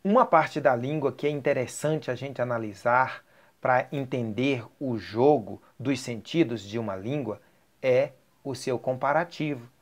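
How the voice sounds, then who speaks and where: Man, Brazilian Portuguese accent, language teacher, slow deliberate delivery, mid pitch. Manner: slow, explanatory, checks in with "ok?" and "certo?". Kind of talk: online language lesson.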